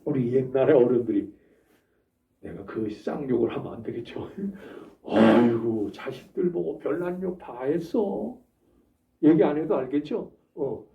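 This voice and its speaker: Male pastor, high lively voice, rhetorical preaching style, distant mic in a reverberant sanctuary. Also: muffled recording. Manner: animated, rhetorical questions and emphatic exclamations. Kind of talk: sermon. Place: church sanctuary. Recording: echoey church from a distance.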